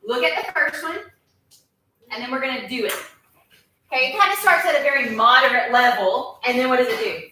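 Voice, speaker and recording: A woman teaching a class of children, playful and coaxing as she leads warm-ups. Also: high-pitched, brisk, slight background noise. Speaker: music teacher. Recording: echoey classroom from far off.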